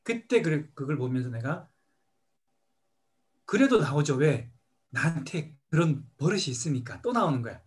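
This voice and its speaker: A middle-aged man with a somewhat high voice talks in a reflective, storytelling way as a meditation teacher. His pitch moves a lot, rising and dropping as he acts out the way he scolds himself. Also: sing-song, moderate pace, long pauses. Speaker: meditation teacher answering questions. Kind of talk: question-and-answer talk.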